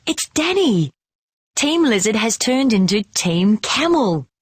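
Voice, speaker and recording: Storybook casting: woman playing a chirpy young boy in a camel costume, high and husky, close dry mic. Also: sing-song, slow, no room sound, heavily acted. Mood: eager. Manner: bright, eager, raised voice. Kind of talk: children's storybook reading.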